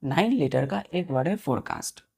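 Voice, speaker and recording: Woman teacher going over vocab words, lowish gravelly voice, spells things out letter by letter, keeps asking if it's clear. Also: animated, moderate pace, mellow. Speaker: English teacher. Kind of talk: vocabulary lesson for students.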